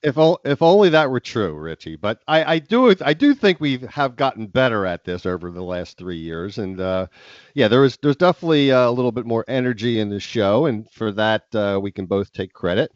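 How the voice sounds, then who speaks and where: This middle-aged man has a head cold and co-hosts a podcast, rambling casually with many ums and restarts. His medium-pitched voice is animated and brisk. The sound is dry and slightly dull, with no echo.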